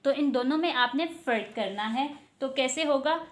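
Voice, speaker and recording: A woman's voice: sits high, normal speed. A woman teaching Quran pronunciation, explaining patiently and stretching out letter sounds to model them. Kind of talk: online tajweed lesson.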